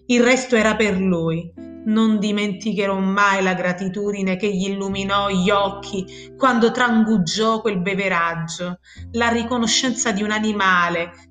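A woman giving a solemn literary reading in a grave, measured voice with slow pauses. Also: medium pitch. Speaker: reader. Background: soft instrumental music.

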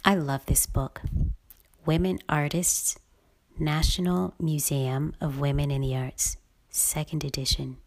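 A woman with a slightly low voice speaks at a very unhurried pace, as if hosting an intimate podcast. Her delivery is breathy, often sinking almost to a whisper, and she muses effusively without a script. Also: steady tone. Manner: slow, musing, effusive. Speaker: podcast host. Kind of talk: intimate, unscripted podcast monologue.

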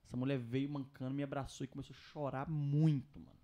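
A young Brazilian man, telling his story casually on a podcast in a slangy, animated way. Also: mid-range voice, fast talker.

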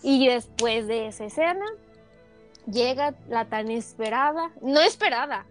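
A young woman co-hosting a podcast, telling a story in a casual, animated and dramatic way. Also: on the high side, unhurried, faint music behind. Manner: excitable, animated, dramatic retelling with laughs. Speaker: podcast co-host. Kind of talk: casual chat, personal storytelling.

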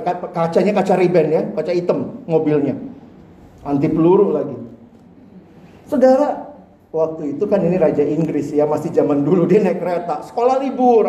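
Middle-aged male preacher, high mellow voice, lively storytelling sermon, distant mic in an echoey church hall. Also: highs cut off. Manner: animated, acts out voices in anecdotes, addresses listeners as "saudara".

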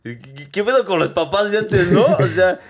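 Mexican man telling a lively story. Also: high-pitched, moderate pace, crowd noise. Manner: animated storyteller, swears casually. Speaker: podcast host. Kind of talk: casual chat.

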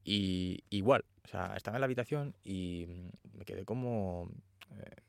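Man, fairly low voice, animated storyteller, dry close sound. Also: measured pace, creaky, clear, resonant tone, no echo. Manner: animated storytelling, acts out quotes. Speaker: actor guest. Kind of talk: casual interview chat.

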